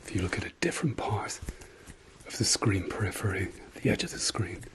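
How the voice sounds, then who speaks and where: A middle-aged man doing fast whispering ASMR as a whispered role-play, breathy and close, repeating soft words in quick runs while giving instructions. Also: lowish voice, animated. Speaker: ASMR host.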